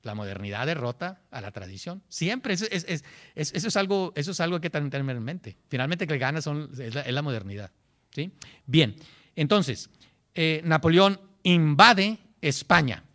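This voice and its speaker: A man giving a history lecture, animated, checking in with "¿sí?" and often repeating words as he searches for the next one. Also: fairly high pitch, normal speed. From Mexico. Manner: animated, frequent "¿sí?" check-ins, acts out historical voices. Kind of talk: classroom lecture.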